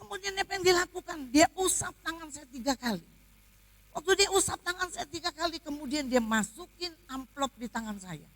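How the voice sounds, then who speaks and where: A woman's voice: high voice, expressive, brisk, dry recording. Woman pastor giving an emotional testimony. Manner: emotional storytelling, swings between loud and hushed. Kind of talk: sermon testimony. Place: church.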